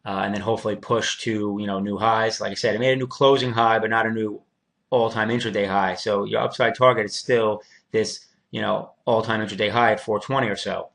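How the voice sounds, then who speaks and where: A man's voice: lowish voice, gravelly, fairly bright tone. A man hosting a casual trading show, walking through price charts in a laid-back, slangy way with loose fillers. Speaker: crypto trader host.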